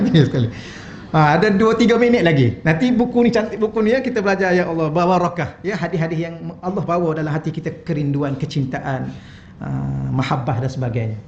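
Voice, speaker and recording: Man, Malaysian Malay accent, middle-aged, high voice, animated mosque lecture, echoey hall recording. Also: dull audio, slight background noise. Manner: animated, acts out quoted voices with humour. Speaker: religious teacher.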